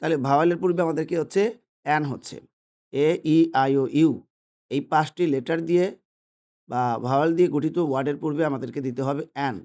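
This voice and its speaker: Patient man teaching, fairly high voice. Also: fairly quick, a little mellow. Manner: patient, repetitive, asks and answers his own questions. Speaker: English teacher. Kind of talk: explaining English grammar lesson. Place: indoors, holding a pen.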